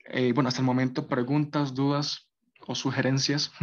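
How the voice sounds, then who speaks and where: A man's voice: mid-range voice, level tone, moderate pace. A man teaching a basic French class, explaining patiently and often checking that his students follow. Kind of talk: basic language lesson. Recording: dull lo-fi recording.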